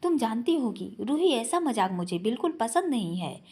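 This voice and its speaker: A woman's voice: fairly high pitch, very animated, moderate pace, darkish tone, breathy edge. A woman voicing a grief-stricken young husband who pleads and rages in desperation. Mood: frantic grief.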